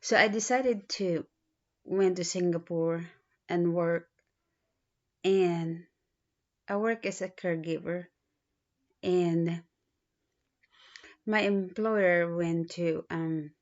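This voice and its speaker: A woman in her thirties from the Philippines, speaking with a Filipino accent, introducing herself in a halting way with many pauses and restarts. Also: on the low side, steady tone. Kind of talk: self-introduction video. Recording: dull lo-fi recording.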